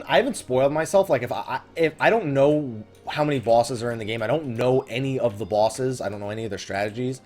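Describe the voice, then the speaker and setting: A gaming video host gives rambling, informal let's play commentary, often correcting himself as side thoughts pull him off track. His voice is mid-range with a darkish tone.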